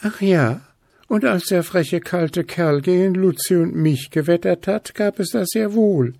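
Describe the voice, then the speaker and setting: A man voicing a small excitable female bird with a squeaky manner. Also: measured pace, creaky, breathy edge, no room sound, clean studio sound, heavily acted. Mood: excited.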